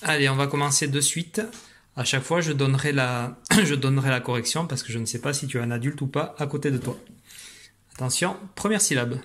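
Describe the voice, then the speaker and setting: A man's voice: mid-range voice, a bit bright. Patient man teaching reading to children. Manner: patient, encouraging, explains slowly. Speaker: primary school teacher. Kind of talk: remote reading lesson for young children. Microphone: computer at a desk.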